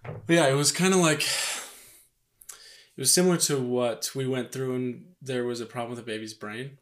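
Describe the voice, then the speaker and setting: A young man talks casually to the camera about expecting a baby, loose and joking, with plenty of "like" and "you know". His voice sits at an ordinary middle pitch for a man. He is speaking into a microphone. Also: moderate pace. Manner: relaxed and joking, many fillers. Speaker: vlog co-host, expectant father. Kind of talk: casual couple chat to camera.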